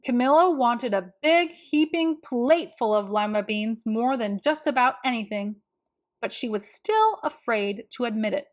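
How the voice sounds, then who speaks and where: A woman reads a children's picture book aloud as an expressive storyteller, her voice a little high and her pace a little slow.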